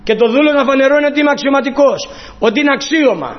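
A man with a high voice preaches a sermon, earnest and insistent. He climbs higher to hammer home a point, then sinks low and slow. The recording is dull and lo-fi. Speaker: Pentecostal preacher.

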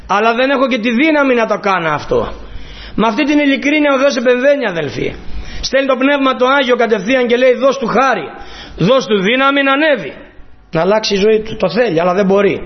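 A man preaching a sermon to his congregation as a Pentecostal preacher, earnest, pushing his voice up to stress points and then dropping low and slow. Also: muffled recording.

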